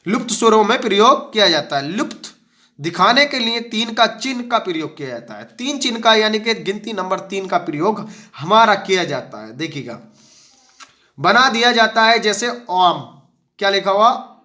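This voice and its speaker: A man's voice: high-pitched, sing-song, normal speed, bright, forceful tone. A male teacher giving an exam-prep lesson, asking the class questions and answering them himself. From India.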